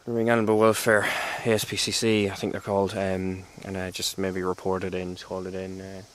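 A man in his thirties speaks to a camera held at arm's length while out on a rural trail. His voice sits low and stays fairly even in pitch. He rambles candidly, with fillers and restarts. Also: a little fast. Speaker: hiker vlogger. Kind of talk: casual walking vlog to camera. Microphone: handheld camera at arm's length.

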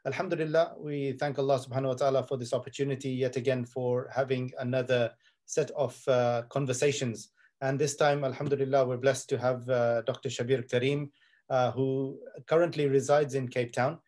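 A man's voice: medium pitch, flat delivery, brisk, a little mellow. A man in his thirties hosting an interview over a video call from a study, fluent and sprinkling in religious Arabic phrases. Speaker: host. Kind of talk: interview introduction and questions. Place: home study with bookshelves, indoors. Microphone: video call mic.

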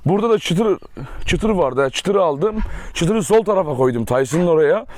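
Walking viewers through his dog farm in the open air, a young man talks casually in a high, animated, darkish voice. He's quick, and he often coos at his dogs with affectionate baby talk.

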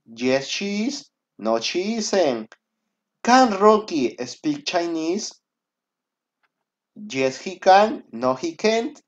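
In a dull, lo-fi screen recording, a Peruvian man in his twenties, a native Spanish speaker, talks schoolchildren through a lesson with encouraging, simply repeated instructions. His high voice has a sing-song lilt, and he speaks extremely slowly, leaving long pauses.

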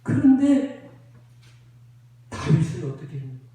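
Male pastor, dramatic storytelling sermon, dark warm tone, very echoey church sanctuary. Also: fairly high pitch, very animated. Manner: slow, dramatic storytelling with rhetorical questions to the congregation. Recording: roomy church echo, voice from a distance.

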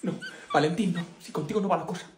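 A woman's voice: fairly low pitch, fast talker, natural voice. A woman with a Spain Spanish accent voicing a nagging, overprotective middle-aged mother.

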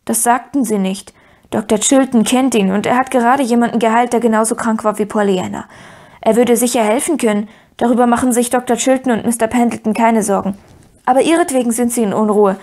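An eager young boy who pleads and presses his point in urgent, breathless bursts, as a woman reading a storybook puts him on. The voice sits fairly high and rushes along when he gets going. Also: fairly even intonation, darkish tone, lightly acted. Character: eager earnest young boy, talking fast. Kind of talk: audiobook character voice.

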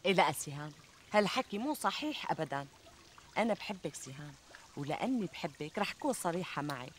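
An actress playing a flattering, reassuring middle-aged Syrian friend who talks emphatically in a TV comedy. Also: female voice, sits low, fast. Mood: coaxing. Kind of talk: conversational TV comedy sketch acting. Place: outdoors in a garden. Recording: outdoor ambience, trickling water noise.

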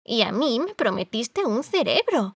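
A woman's voice: on the high side, sing-song, measured pace, husky, no room sound, studio quality, pitched above the performer's own voice, heavily acted. A woman voicing a straw scarecrow who speaks in a plaintive, complaining way in an audiobook. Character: whiny straw scarecrow wanting brains.

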